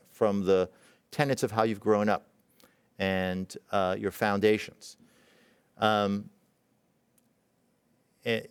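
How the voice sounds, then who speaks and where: A middle-aged man born in Israel tells a personal story in a talk, halting and reflective, with many fillers and restarts. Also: lowish voice, clean tone, no room sound. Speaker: presenting physician.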